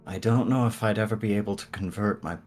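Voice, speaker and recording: Man playing a low-voiced, solemn cursed elf. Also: quick pace, a little mellow, soft background music, lightly acted. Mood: solemn, earnest. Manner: hesitant, formal, earnest. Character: solemn, devoted young male elf with a curse.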